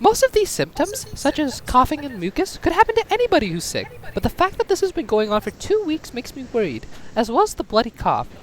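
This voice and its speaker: A woman voicing a brisk, upbeat family doctor in a homemade animated drama, explaining in a bright, sing-song way. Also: sits high, slight background noise. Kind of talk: amateur machinima voice acting.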